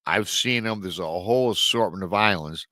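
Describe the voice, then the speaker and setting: In a sharp-toned, low-sitting voice at normal speed, a middle-aged paranormal show host recounts a strange encounter live, chatting to viewers along the way. A lingering illness makes him nasal and a bit scratchy. There's no echo.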